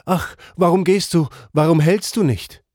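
A man's voice: on the high side, fairly even intonation, measured pace, darkish tone, no room sound, studio quality, voice pushed up. A man voicing pleading souls of the dead. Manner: urgent, beseeching calls.

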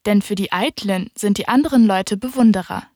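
A woman narrating a storybook audiobook in a calm, even storytelling manner. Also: medium pitch, brisk, no room sound, clean studio sound.

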